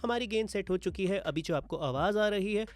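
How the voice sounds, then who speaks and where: A man's voice: high voice, animated, fairly quick, no room sound. Man demoing studio gear, dry sound. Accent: Indian. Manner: explanatory, mixes English terms into Hindi. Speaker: gear reviewer. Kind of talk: product demo walkthrough. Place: home studio. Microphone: wireless mic, then dynamic and condenser mics.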